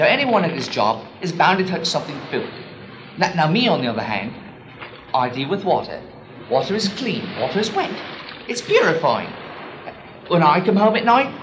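A man playing a shabby waterfront showman who pushes his pitch with stammering salesman patter in a comedy sketch. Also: noisy background. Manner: persistent salesman patter, stammering, keeps saying sir.

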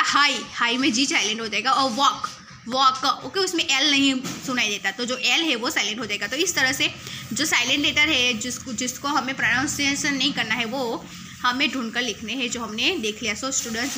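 A woman's voice: on the high side, bright, forceful tone, a little hiss or hum. A woman teacher recording a video lesson, spelling out words letter by letter and repeating each meaning twice.

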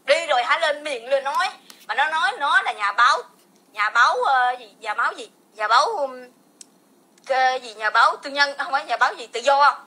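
A woman's voice: high-pitched, moderate pace, pushed and bright. A woman in her forties with a Southern Vietnamese accent, ranting in a heated, rambling, repetitive vlog with bursts of laughter. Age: 40s. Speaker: vlogger. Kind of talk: heated casual rant.

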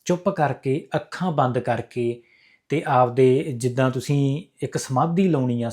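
A man's voice: medium pitch, dark tone. A man with a Punjabi accent giving earnest, preachy spiritual advice straight to his viewers, repeating key phrases as he instructs. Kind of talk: earnest instructional talk to camera.

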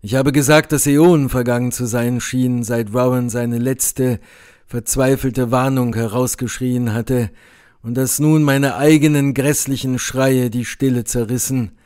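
Man reading a horror audiobook, really slow and grave, mid voice. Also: mid-range voice, fairly even intonation, darkish tone, smooth. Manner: slow, measured, grave delivery. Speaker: audiobook reader. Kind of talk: dramatic audiobook narration.

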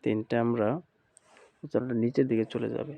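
With a Bangladeshi Bengali accent, a man teaches Quran recitation in a slow recorded lesson, chanting letter sounds rhythmically and repeating drills. His mid-range voice is creaky and steady in tone, and the audio is dull.

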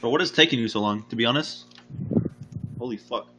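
A man's voice: medium pitch, brisk. A young man playing a card game over voice chat, teasing his friends with slang and mock insults. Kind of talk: casual voice chat while gaming. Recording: noisy voice chat mic.

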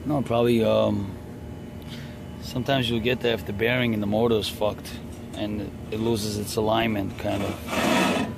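Filming on a handheld phone atop a building, a young HVAC technician narrates his repair job in a blunt, profane, joking vlog. His voice is lowish and flat with vocal fry, at a normal pace. Air-conditioning units hum and traffic adds to the noisy rooftop.

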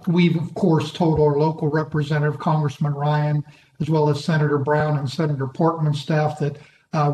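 A man's voice: fairly high pitch, darkish tone. Man presenting on an echoey video call. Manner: plain-spoken, many fillers. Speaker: economic recovery coordinator. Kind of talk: virtual meeting presentation. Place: home or office on a video call.

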